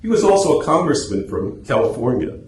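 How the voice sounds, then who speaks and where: A radio script writer presenting at a club meeting speaks briskly in a medium-pitched, darkish, sing-song voice. His talk to a small audience in a meeting room is informal, chatty, and anecdotal, and the recording carries echo and faint noise.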